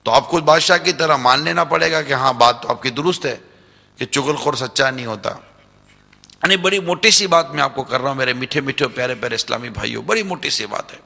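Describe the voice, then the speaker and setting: A man's voice: mid-range voice, gravelly, pushed and bright. A man giving a religious lecture, live before an audience in a large religious center hall, addressing listeners directly with rhetorical questions and repetition. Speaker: preacher. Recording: long hall reverb.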